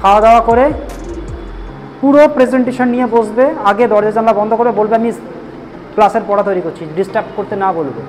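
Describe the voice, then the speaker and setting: Firm high-voiced male teacher. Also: fairly quick, darkish tone, faint music behind, rough recording. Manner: firm, repeatedly checks understanding. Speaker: spoken English teacher. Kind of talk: classroom lecture, scolding and advising students.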